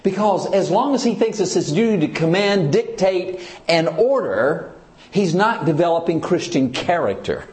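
A high-voiced man speaks at an ordinary speed in a reverberant setting. He is a church leader giving sermon-style teaching, energetically posing questions to the crowd and pressing each point hard.

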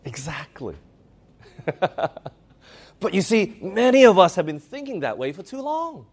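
A man's voice: sits high, sing-song, unhurried, breathy edge. A man preaching a sermon, emphatic, asking the audience questions and reading scripture aloud.

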